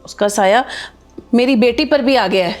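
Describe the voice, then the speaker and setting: A woman's voice: on the high side, normal speed, faint music behind, close to an everyday voice. A woman playing a harsh, scolding mother-in-law. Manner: scolding, commanding. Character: harsh domineering mother-in-law, grandmother figure. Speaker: actor in a short film. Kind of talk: Hindi short film acting.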